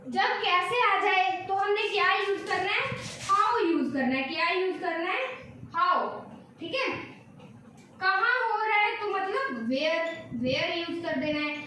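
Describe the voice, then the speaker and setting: Woman teacher, very high voice, slow repeated examples, echoey room heard from a distance. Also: animated, pushed and bright. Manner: repeats each example slowly, checks in often. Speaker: English teacher. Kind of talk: classroom lesson explaining grammar. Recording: echoey room, distant mic, faint noise.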